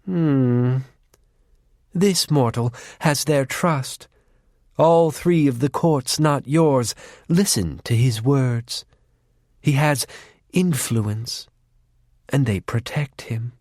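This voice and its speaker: Man voicing a menacing faery sister, low and taunting. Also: very slow, pauses often, darkish tone, no echo, studio quality. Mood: knowing. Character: cruel war-loving female faery, sister.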